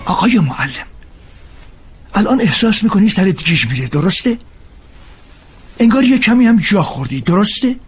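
A man voicing a calm middle-aged father in a dubbed drama, gently teasing and knowing. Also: high voice, long pauses, slightly rough, soft background music, full character voice. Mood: wry. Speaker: student's father.

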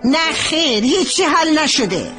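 An actress dubbing a polite young wife who is hurt and resentful, in a TV drama. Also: female voice, high voice, sing-song, over music. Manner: polite, then sharply resentful. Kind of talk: Persian dub of a TV drama.

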